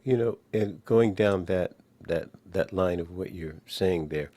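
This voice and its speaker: Deep-voiced rambling male co-host. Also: a little slow, warm tone. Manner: rambling, filler-heavy. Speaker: podcast co-host. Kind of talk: casual interview chat.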